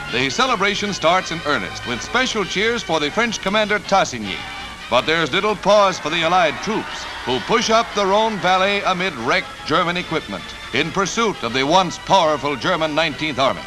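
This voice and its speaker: 1940s newsreel narrator, man, high-ish lively voice, punchy and wry, music bed behind. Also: low-quality recording. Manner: punchy announcer delivery with wry quips. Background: music score.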